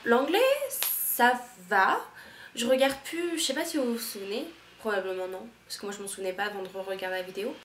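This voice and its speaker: A woman's voice: medium pitch, racing, few pauses, slight background noise. A young woman from France, an au pair, chatting frankly to camera in a rambling, slangy way with many restarts. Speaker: au pair vlogger. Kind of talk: casual chat to camera. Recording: echoey room with faint ambience.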